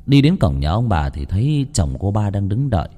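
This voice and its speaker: A man narrating a first-person ghost story with a lively, dramatic telling. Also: lowish voice, a little fast.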